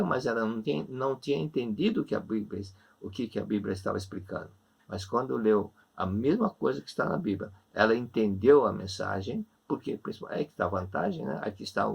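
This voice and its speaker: Brazilian male lecturer, online class, warm repetitive counsel, raspy voice. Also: mid-range voice. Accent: Brazilian Portuguese. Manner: gentle, repetitive, reassuring counsel. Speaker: religious lecturer. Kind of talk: online religious class answering questions.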